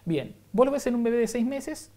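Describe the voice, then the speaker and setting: A man's voice: very high-pitched, lively intonation, fairly quick, mellow. A man with a Rioplatense Spanish accent, explaining science as an interview guest, teaching with examples and frequent rhetorical checks. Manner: didactic, uses examples and rhetorical "¿no?".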